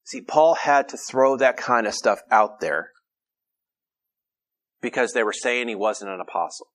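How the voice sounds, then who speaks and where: A man's voice: medium pitch, expressive, a little slow, fairly bright tone. A man preaching an earnest sermon, reading scripture aloud and often restarting his phrases. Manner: frequent repetitions and restarts.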